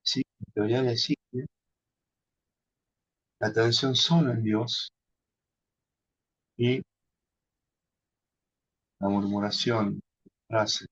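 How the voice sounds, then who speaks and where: A man teaching contemplative prayer in an unhurried, halting way, often adding a questioning tag. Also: medium pitch, husky, no room sound. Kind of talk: instructional talk on contemplative prayer. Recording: dull lo-fi sound.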